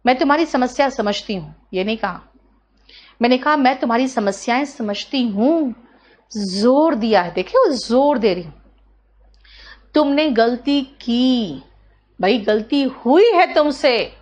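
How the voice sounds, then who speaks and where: A woman's voice: a little high, lo-fi sound. A woman teaching an English grammar lesson in Hindi, explaining patiently and asking and answering her own questions.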